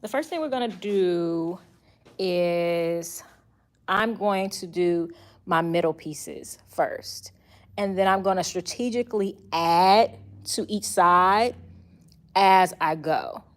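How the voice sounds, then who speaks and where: A woman with a fairly low voice speaks at a slow pace while hosting a casual sewing tutorial in her sewing office, chatty and thinking out loud as she works. Moving about the room, she drifts toward and away from the added mic; the camera is across the room, with roomy echo and a faint hiss.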